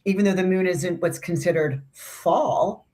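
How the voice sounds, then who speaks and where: This is a woman with a notably low, deep voice co-hosting an astrology conversation. She talks loosely and chattily, circling back on her points and tossing in asides. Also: unhurried, warm tone. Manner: chatty, rambling, with restarts and asides. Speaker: astrology podcast co-host. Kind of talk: casual conversational astrology discussion.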